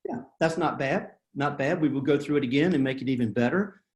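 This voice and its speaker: A man's voice: mid-range voice, fairly quick, reverberant. A man giving a writing workshop on a video call, plain-spoken and self-deprecating, with frequent fillers and restarts. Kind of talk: webinar presentation.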